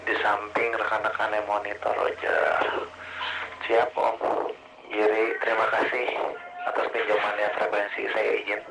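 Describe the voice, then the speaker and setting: This gravelly, low-leaning male voice belongs to an amateur radio operator speaking in a monotone at normal speed. He chats in terse call-sign codes and signs off each turn with "over," coming through a hissy radio transmission that at times sounds distant.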